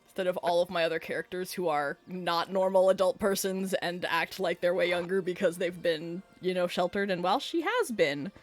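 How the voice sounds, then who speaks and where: A woman's voice: lowish voice, brisk, soft background music. A woman chatting casually with her tabletop group after a session, laughing often between her words. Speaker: player and game master.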